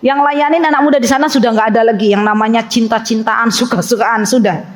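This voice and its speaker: Woman religious teacher, slightly high voice, lively and playful with women listeners. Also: fast. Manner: lively, playful, acts out little scenes. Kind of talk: religious study talk to women. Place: study gathering with women.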